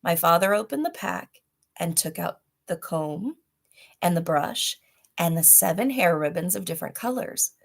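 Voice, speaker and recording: A woman's voice: fairly low pitch, animated, normal speed, creaky. Woman reading a children's storybook aloud. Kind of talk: read-aloud storybook narration with chatty asides.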